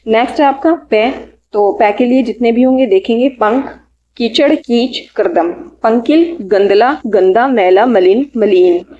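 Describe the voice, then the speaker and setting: A woman teaching exam vocabulary, listing synonyms in short bursts and adding quick study tips. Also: a little high, dull audio, a little hiss or hum. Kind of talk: reading out synonym lists for an exam lecture.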